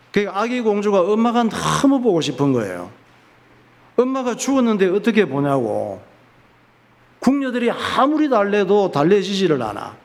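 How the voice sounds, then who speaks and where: A pastor telling a folk tale in his sermon, lively and folksy, often asking and answering his own questions. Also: high voice. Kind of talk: sermon storytelling. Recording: reverberant church hall.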